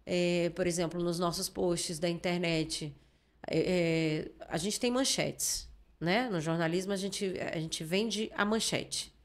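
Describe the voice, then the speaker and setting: A woman's voice: lowish voice, steady tone, takes it slowly. A woman journalist with a Brazilian Portuguese accent, explaining her views in a casual interview and often checking in with the listener. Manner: explanatory, lots of filler tags and restarts. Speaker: journalist guest.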